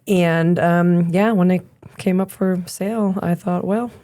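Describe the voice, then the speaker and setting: Woman in her 30s from Germany, low mellow voice, easygoing guest, lots of ums and laughs. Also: a little slow. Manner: relaxed, laughs often, many ums. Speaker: podcast guest, gym owner and coach. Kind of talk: casual interview chat.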